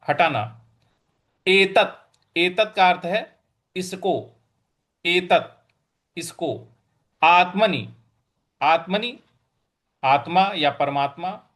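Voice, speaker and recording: A man's voice: on the high side, fairly bright tone. A man teaching a scripture class, patiently repeating each word and chanting the verses. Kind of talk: slow recitation and pronunciation lesson.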